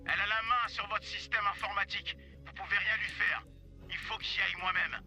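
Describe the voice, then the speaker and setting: A man's voice: high-pitched, steady tone, brisk, bright, forceful tone, roomy sound, faint music behind. A man playing a foul-mouthed, urgent spaceship crew ally in a video game.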